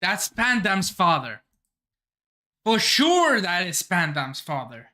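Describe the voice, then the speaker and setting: Man, manga reaction host, excited exclamations, slow deliberate pace, bright tone, restarts while thinking aloud. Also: sits high. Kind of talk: excited live reading reaction.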